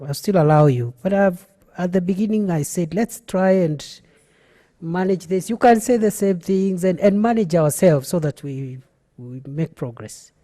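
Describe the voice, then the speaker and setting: A man with a Kenyan accent presiding over a legislature, giving procedural rulings in a halting, repetitive, conciliatory way. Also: high voice, dark tone. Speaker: speaker presiding over the senate.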